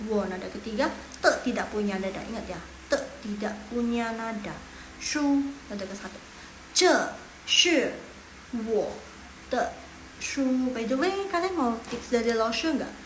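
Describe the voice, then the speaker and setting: Her voice fairly high, a young Medan woman with a local Indonesian accent runs a relaxed live Mandarin class online, drilling tones out loud and offering encouragement. The recording is low quality and roomy, with a little hiss or hum.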